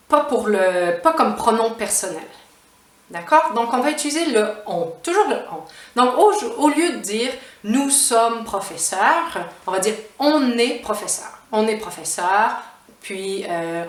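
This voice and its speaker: A woman's voice: medium pitch, far from the mic. A woman with a Québécois accent giving a casual French grammar lesson, explaining patiently and repeating each example, with frequent "hein" and "ouais". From Quebec. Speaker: French teacher. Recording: roomy echo, voice away from the mic.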